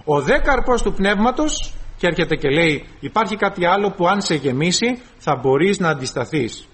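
A man's voice: sits high, animated, a bit bright. A man preaching a sermon to his congregation, calling them brothers and acting out short dialogues with the flesh.

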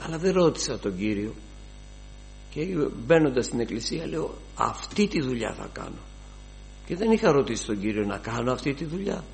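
An older man preaching a sermon, fervent, his voice rising to loud exclamations. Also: mid-range voice, very animated, gravelly, slight background noise.

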